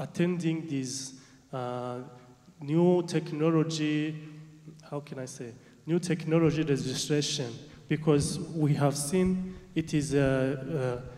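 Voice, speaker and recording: A man's voice: fairly high pitch, mellow. A young man from Burundi asking a formal question as a student, hesitant and searching for words. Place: large conference hall. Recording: very echoey hall, long reverb.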